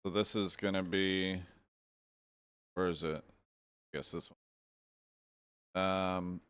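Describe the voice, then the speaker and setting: Deep-voiced man streaming casually. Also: fairly even intonation, takes it slowly, a bit bright, clean tone, dry recording, clean studio sound. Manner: laid-back, talks to chat while editing clips. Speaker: streamer and podcast host. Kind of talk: casual livestream chat.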